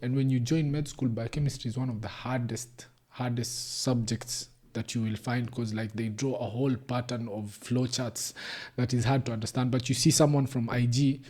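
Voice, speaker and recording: Speaking with hardly any pauses, this young man from Kenya, a doctor with a Kenyan English accent, is a podcast guest in a casual conversation. He explains things patiently and drops in phrases of Swahili. His mid-range voice is a little mellow, with a steady tone and a normal speed.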